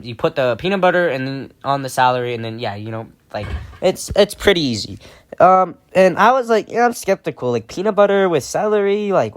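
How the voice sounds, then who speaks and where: A man's voice: mid-range voice, a bit bright. A young man hosting a casual vlog, rambling and chatty, laughing now and then. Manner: rambling and chatty, often laughing, many fillers. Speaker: vlog host. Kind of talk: casual storytime chat.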